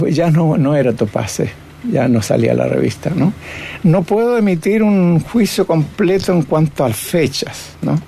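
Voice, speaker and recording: Older man, gravelly reminiscing voice. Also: fairly high pitch, warm tone. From Chile. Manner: reflective, tags phrases with "¿no?". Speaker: guest cartoonist and painter. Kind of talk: reminiscing interview.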